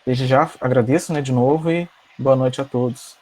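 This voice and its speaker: A young man with a Brazilian accent giving a halting, formal but unscripted introduction as a student host. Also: medium pitch, steady tone, a little mellow. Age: young adult. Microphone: video call. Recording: noisy video call.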